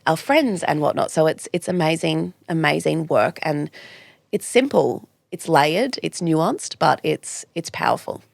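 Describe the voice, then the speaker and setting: A woman's voice: deep voice, lively intonation, unhurried, gravelly, no room sound. A woman, a guest talking earnestly and reflectively in a podcast interview. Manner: earnest, reflective, frequent restarts. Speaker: guest, clinical nutritionist.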